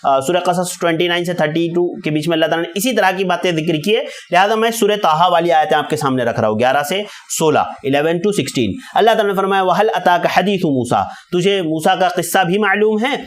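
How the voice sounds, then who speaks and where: A man gives a religious lesson in a fairly high voice. He recites a verse, then explains it line by line, pausing on fillers as he goes. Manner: explains verse by verse, mixes in English numbers, frequent fillers. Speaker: Islamic teacher.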